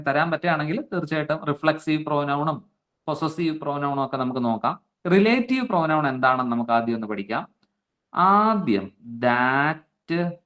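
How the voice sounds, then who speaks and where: A man with a slightly high, somewhat bright voice teaches an online exam-prep class. He reads out student names and checks their answers, explaining things slowly and coaxingly.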